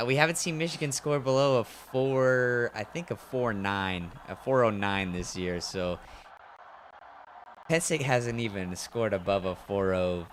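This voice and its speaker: Low-voiced young male gymnastics commentator. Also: a little slow, a little hiss or hum. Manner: chatty, relaxed, trails off with fillers. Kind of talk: live sports commentary.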